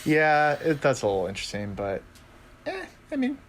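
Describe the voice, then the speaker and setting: A young man co-hosting a sports podcast, chatting casually and telling animated stories with frequent laughs. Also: fairly high pitch, normal speed, slight background noise. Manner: animated storyteller, laughs often. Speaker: podcast co-host. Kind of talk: casual chat.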